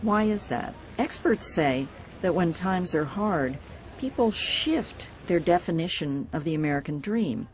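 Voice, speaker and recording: Woman correspondent, scripted news report, very low voice, even explanatory tone, faint noise. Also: a little slow, low-quality recording.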